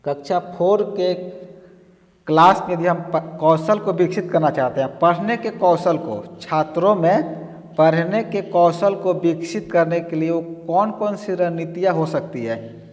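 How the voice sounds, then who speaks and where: A male teacher giving an exam-prep lesson, explaining step by step and repeating points. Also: on the high side. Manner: slow, explaining step by step with repetitions. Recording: long reverb.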